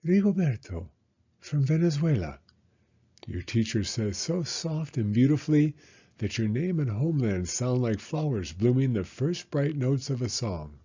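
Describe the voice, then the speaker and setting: Reading aloud from a children's picture book, a male story time host takes his time with expressive narration. He has a mid-range voice with a breathy edge, heard over lo-fi sound.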